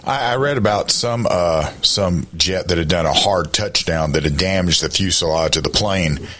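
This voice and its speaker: A man with a deep voice hosts talk radio. He puts questions to a guest in a conversational, informal way. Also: moderate pace, fairly bright tone.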